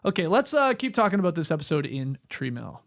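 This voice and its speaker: A man with a fairly high voice hosts a casual recap chat. He sounds animated, laughs easily and often slips into quick impressions of other people. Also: gravelly. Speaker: podcast host reading listener mail.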